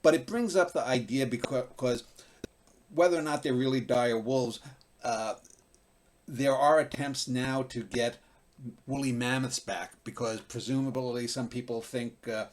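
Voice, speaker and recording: Filler-heavy male interview host. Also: mid-range voice. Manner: measured, filler-heavy questioning. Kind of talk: video-call interview questions. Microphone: video call.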